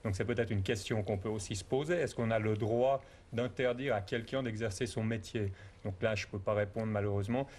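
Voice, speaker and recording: Measured former boxing manager, low voice. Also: male voice, steady tone, a little mellow. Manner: measured, explanatory. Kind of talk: TV talk show guest.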